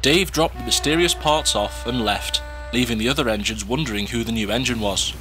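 A man's voice: medium pitch, brisk, bright, forceful tone, faint music behind. A man reading scripted story narration as the narrator.

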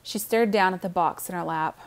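A woman narrating a children's novel aloud in a calm, steady reading voice. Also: on the low side, fairly quick. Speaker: audiobook narrator. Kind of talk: storybook narration.

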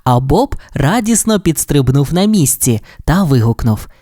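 A woman narrating a children's storybook in a deep, dark voice that swoops lively through each sentence. She speaks straight to the child listening, close and dry on the mic. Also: measured pace, no echo. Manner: warm, addressing the child listener directly.

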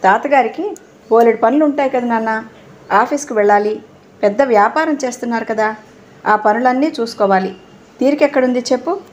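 A woman voicing a worried older grandmother who softly coaxes and pleads with a child. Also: a little high, brisk, pauses often, a little hiss or hum, natural voice. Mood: coaxing. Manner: soft coaxing pleading.

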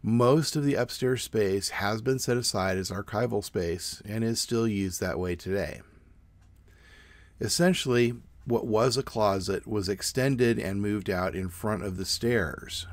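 A middle-aged man giving a measured, plain informative presentation outdoors. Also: lowish voice, no room sound. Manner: measured, plain explanatory delivery. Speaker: student presenter. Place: outdoors in front of a brick building.

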